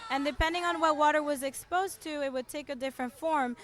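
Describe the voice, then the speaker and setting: A woman's voice: high-pitched, brisk, a bit bright, slight background noise. A woman from France, a guest at an outdoor park event, explaining things with enthusiasm. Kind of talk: casual interview at an outdoor event. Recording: music playing behind.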